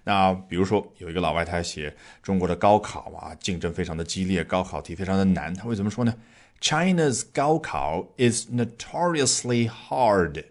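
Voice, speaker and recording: A man's voice: sits low, steady tone, fast, hardly any pauses, a little mellow. A man hosting an English lesson podcast, explaining vocabulary in a chatty way with frequent fillers and rhetorical questions. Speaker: English teacher and podcast host.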